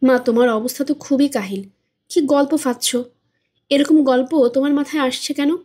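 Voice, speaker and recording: A woman's voice: sits high, normal speed, mellow, close to an everyday voice. A woman voicing a patient adult son reasoning with his mother in a storybook reading. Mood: coaxing. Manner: coaxing, reasoning.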